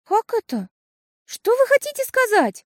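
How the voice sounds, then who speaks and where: Woman doing a young schoolgirl, squeaky and high, exclaiming breathlessly, storybook reading. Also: very animated, moderate pace, no room sound, clean studio sound. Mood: excited. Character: excitable young schoolgirl, emotional and proud. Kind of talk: audiobook character voice.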